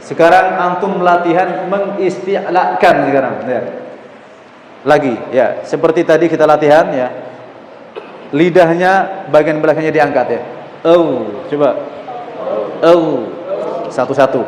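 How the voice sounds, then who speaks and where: With a voice on the high side, a man teaches Quran recitation at a measured pace, pausing often as he patiently drills students on pronunciation and demonstrates the sounds. He's in an echoey mosque hall with faint ambience and slight background noise.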